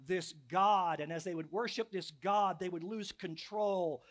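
A middle-aged man preaching a sermon as pastor, emphatic, with repeated rhetorical questions that drop to hushed, quiet lines. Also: high-pitched, a little slow.

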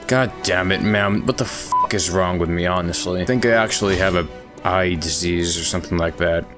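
A young man giving excitable, profane, self-mocking commentary while playing a video game. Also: deep voice, normal speed. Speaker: gamer playing through a game. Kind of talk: let's-play commentary. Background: game music.

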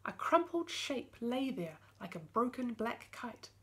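A woman reading a children's picture book aloud, lively and expressive. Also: fairly high pitch, measured pace. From New Zealand. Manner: lively, expressive, voices the characters. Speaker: storyteller.

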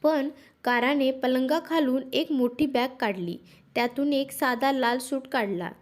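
High-voiced woman reading a story. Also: unhurried. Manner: even, steady first-person reading. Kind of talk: scripted story narration.

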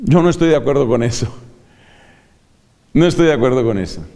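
Preacher in a reverberant hall. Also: male voice, medium pitch, lively intonation, warm tone. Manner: measured, demonstrates vocal range. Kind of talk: homiletics lecture.

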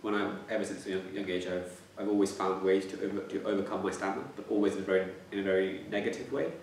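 Answering interview questions thoughtfully, this man in his twenties stammers, often repeating words and starting over. His voice sits low and his tone stays steady while he talks fast. The plain indoor room gives an echo, the mic is a bit distant, and there's slight background noise.

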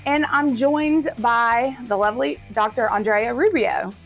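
A woman's voice: a little high, measured pace, faint music behind. A woman in her thirties hosting a podcast over a video call, friendly and chatty with many fillers. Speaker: podcast host. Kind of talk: casual interview chat. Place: home office with bookshelf. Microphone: webcam video call.

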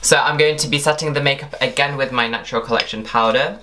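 A man's voice: medium pitch, fairly even intonation, fast, sharp tone, a little hiss or hum. A young man narrating an instructional makeup tutorial as its presenter. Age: young adult.

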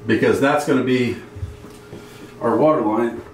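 A man's voice: mid-range voice, a little slow, roomy sound, distant mic, background noise. A man working on his sailboat's refit, explaining the plumbing and wiring step by step in a matter-of-fact way. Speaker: boat owner doing refit work. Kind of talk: casual explaining while working. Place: inside a boat under refit.

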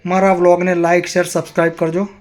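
High-voiced man telling an earnest story. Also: completely flat delivery, fast, a little mellow. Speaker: vlogger. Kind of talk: personal storytelling vlog.

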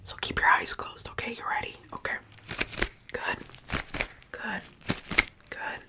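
A young woman performs a whispered role-play in a fast ASMR style. Her whisper is breathy and unvoiced, very close to the microphone. She plays a brisk, polite examiner who gives short, clipped instructions. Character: brisk, polite examiner giving a quick check-up. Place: small bedroom, indoors. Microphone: large covered microphone very close to the mouth.

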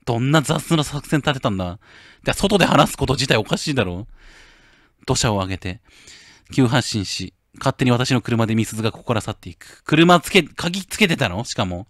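A male game streamer playing a horror game, reading the story text softly and breaking into loud, excited outbursts between lines. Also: medium pitch, brisk, dry recording, clean studio sound. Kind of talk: horror game playthrough, reading dialogue aloud with commentary.

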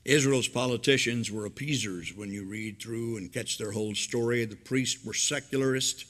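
An older man delivers a sermon from the pulpit of a church sanctuary. His voice is bright and forceful, with a middling pitch for a man. He builds to loud, emphatic peaks and then drops to hushed, low asides. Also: normal speed. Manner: dramatic swings between loud emphasis and quiet low asides. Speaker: pastor. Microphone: pulpit microphone.

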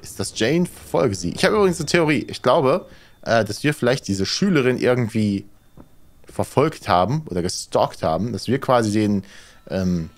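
A man's voice: mid-range voice, animated, normal speed. A man doing casual let's play commentary, thinking aloud hesitantly as he plays. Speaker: let's player, horror game streamer.

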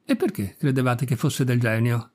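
A man reading the lines of a timid young woman companion, quiet and meek. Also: mid-range voice, lively intonation, moderate pace, natural voice.

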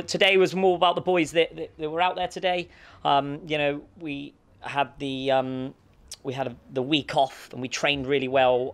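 A man in his thirties, a football manager, giving a post-match interview outdoors in an empty stadium stand, talking steadily with many restarts and fillers into a handheld mic. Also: medium pitch. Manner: steady, flat delivery with frequent restarts and fillers. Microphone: handheld mic with windshield held close.

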